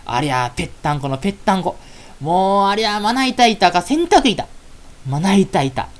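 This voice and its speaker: A woman voicing a knowing, gossipy fairy girl who talks in a hushed, roundabout way with a Kansai accent. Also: mid-range voice, big pitch swings, moderate pace, close to an everyday voice.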